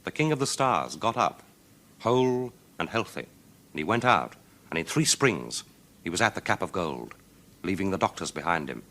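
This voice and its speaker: A man narrates a children's folk tale dramatically, theatrical, declamatory and rhythmic in delivery. His low voice is very animated and sharp in tone, moving at normal speed.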